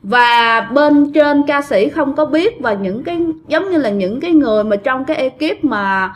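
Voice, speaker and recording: A woman's voice: high-pitched, lively intonation, normal speed. A woman with a Southern Vietnamese accent, casually retelling a ghost story and chatting directly to her listeners.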